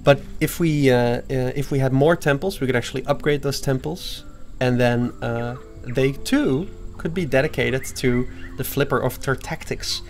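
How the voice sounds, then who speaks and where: A young man, a game developer, casually talking through a live stream of his own game, excitable and playful with lots of fillers. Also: mid-range voice, moderate pace, hardly any pauses, soft background music.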